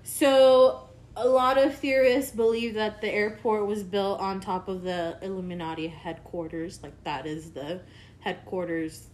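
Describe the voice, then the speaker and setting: A woman's voice: mid-range voice, fairly even intonation, unhurried, darkish tone. A woman co-hosting a casual podcast, rambling through a story with lots of filler words and the odd swear. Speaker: podcast co-host. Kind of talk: casual conspiracy chat.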